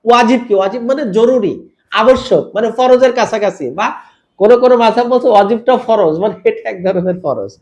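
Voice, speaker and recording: A man teaching Quran recitation rules, spelling out each letter and vowel mark and then drawing the words out slowly in a chanted style, asking the listener to repeat. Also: sits high, a little mellow, dull audio. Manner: asks the listener to repeat after him. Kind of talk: step-by-step tajweed lesson.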